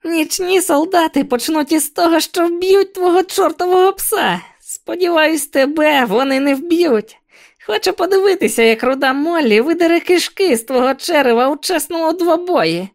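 A spiteful little creature sneers in a shrill, screeching voice that jumps high and low. His pitch is very high and strained, a thin, nasty timbre far from an ordinary speaking voice. He mocks and threatens as a storybook villain. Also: animated, moderate pace. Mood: screeching threats. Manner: jeering, mocking. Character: spiteful tiny male creature, shrill and taunting.

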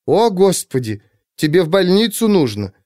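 A man's voice: sits high, big pitch swings, moderate pace, mellow, no echo, clean studio sound, voice pushed up. A man voicing an anxious, demanding middle-aged wife who worries and scolds. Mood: worried.

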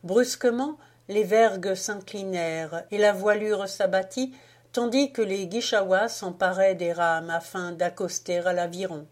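A woman reading a literary audiobook in a measured, expressive way. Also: mid-range voice. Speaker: audiobook reader.

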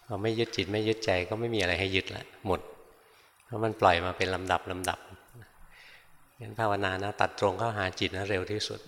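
An older man, a Buddhist monk, tells stories in an easygoing sermon, speaking slowly and conversationally. His voice sits low. It rings with the long reverb of a large hall. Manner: unhurried, conversational, softens points with a gentle tag word. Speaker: Buddhist monk giving a Dharma talk. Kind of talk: informal storytelling sermon.

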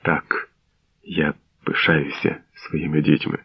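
A proud, gray-haired noblewoman, as a male narrator puts her on, speaking with calm, restrained dignity. The reading is deep, dry and dull like an old radio broadcast. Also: moderate pace, no room sound, lightly acted. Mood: dignified.

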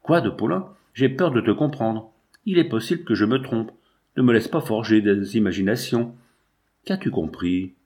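A man's voice: lowish voice, moderate pace, darkish tone, natural voice. A man reading the lines of an anguished young man who accuses and protests vehemently, in a storybook reading. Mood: alarmed.

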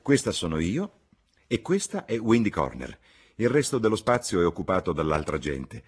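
A man reading an audiobook, voicing a blunt middle-aged mother in a loud, husky, scolding tone. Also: deep voice, very animated, normal speed, voice pushed up, exaggerated voice. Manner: loud, scolding, matter-of-fact.

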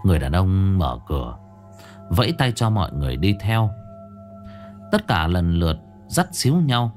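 A man narrating a ghost story in an expressive way. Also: low-pitched, moderate pace, soft background music.

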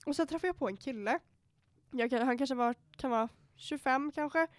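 A young woman co-hosting a casual podcast, telling an animated story, acting out what she said, swearing freely and dropping in English phrases. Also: high voice, no room sound. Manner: animated storytelling, quoting herself. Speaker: podcast co-host. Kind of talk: casual chat.

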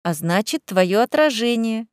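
A sly, greedy young cat familiar in female form, voiced by a woman reading a storybook. She speaks in a lazy, mocking, teasing tone, slightly high for a woman. The audio is dry and close, with no room sound. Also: lively intonation, measured pace, clear, resonant tone, no echo. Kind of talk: audiobook character voice.

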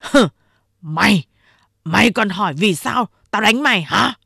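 A woman's voice: medium pitch, expressive, measured pace, bright, forceful tone, dry recording, studio quality, full character voice. A woman voicing a crude, bullying gang boss man who threatens and swears. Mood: angry. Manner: gruff, bullying.

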